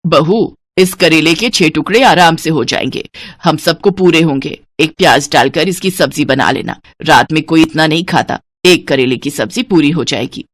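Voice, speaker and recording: A woman voicing a stingy, scheming older mother-in-law in a cartoon, bossy and scolding, in a low voice. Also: moderate pace. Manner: penny-pinching, scolding, bossy. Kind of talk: cartoon voice acting.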